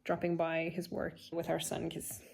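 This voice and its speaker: A woman's voice: sits low, completely flat delivery, moderate pace, creaky, darkish tone. A young woman vlogging casually about her day, chatty and candid with small laughs, tired and a little out of breath. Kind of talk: casual vlog chat.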